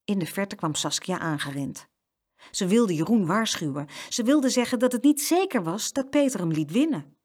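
A woman reading a children's story aloud as narrator, with expressive storytelling. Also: medium pitch, normal speed.

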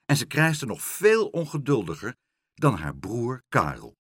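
A man reading a children's storybook aloud in a very expressive, sing-song way. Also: mid-range voice, measured pace, husky, no room sound, studio quality. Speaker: narrator.

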